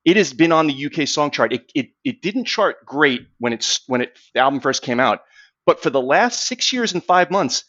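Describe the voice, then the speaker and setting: A man's voice: fairly high pitch, very animated, normal speed, bright, forceful tone, no room sound, dull audio. A man co-hosting a podcast, talking eagerly about music and often repeating words as he restarts. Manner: enthusiastic, stammering restarts. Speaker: podcast co-host. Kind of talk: casual music chat.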